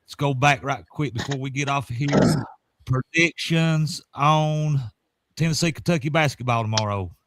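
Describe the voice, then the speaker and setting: A man hosts a relaxed fan podcast, wandering through his thoughts with plenty of ums and uhs. His voice sits at an ordinary pitch. It is recorded dry, with no room sound. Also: moderate pace, no echo. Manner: folksy, rambling, lots of fillers. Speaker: podcast host. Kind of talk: casual sports chat.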